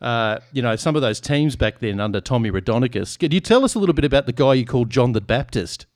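A man's voice: medium pitch, expressive, fast talker, no echo, studio quality. A man hosting a sports podcast in casual chat, joking and irreverent. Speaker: podcast host.

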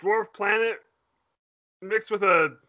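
A man's voice: sits high, slow, highs cut off. A man in casual chat, playful, asking questions and joking with friends. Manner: playful, asks questions and jokes.

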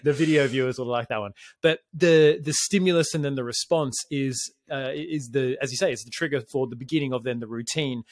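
A man's voice: mid-range voice, fairly bright tone, no room sound, clean studio sound. A man co-hosting a podcast, speaking energetically and emphatically, swearing casually and tagging points with "right?". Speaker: podcast co-host.

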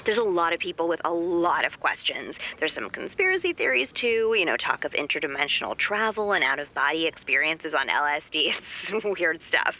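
A woman's voice: sits low, sing-song, normal speed, few pauses, bright, forceful tone, a little hiss or hum, exaggerated voice, poor audio. A woman playing an eager, chatty amateur investigator in naturalistic audio drama dialogue, emphatic and conversational. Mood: eager, intrigued.

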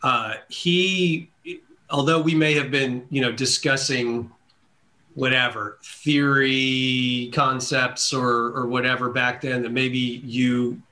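Bright-voiced enthusiastic male podcast host. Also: mid-range voice, steady tone, takes it slowly. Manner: enthusiastic, repeats words often. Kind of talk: casual interview chat.

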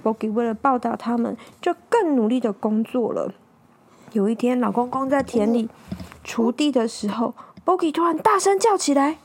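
A woman telling a children's story, animated and asking her young listeners to join in. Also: fairly high pitch, normal speed, slightly rough.

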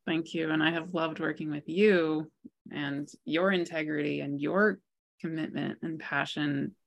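A woman's voice: low voice, steady tone, unhurried, gravelly, dull audio. A woman in her forties, a guest author and healer, telling her life story in a reflective, candid way. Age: 40s. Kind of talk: interview.

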